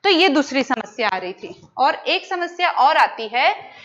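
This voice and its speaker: A woman's voice: sits high, very animated, unhurried, a bit bright, dull audio. A young woman giving an exam-prep lecture who poses questions to her students, answers them herself and repeats the key terms. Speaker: teacher.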